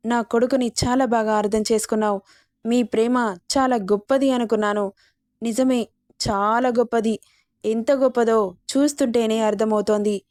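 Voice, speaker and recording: A woman's voice: a little high, steady tone, normal speed, darkish tone, no room sound, clean studio sound, close to an everyday voice. A woman voicing a protective middle-aged mother who scolds in an indignant way in a storybook reading. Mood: scolding, indignant. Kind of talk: storybook narration.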